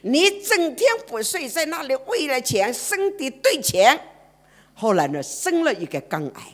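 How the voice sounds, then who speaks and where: Woman preacher, lively storytelling sermon with a very animated pitch. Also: unhurried. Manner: dramatic, swings from loud to hushed.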